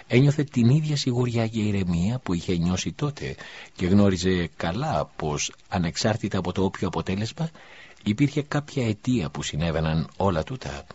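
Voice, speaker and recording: A man narrating an audiobook in a calm, measured reading voice. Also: sits low, husky. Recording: dull lo-fi recording.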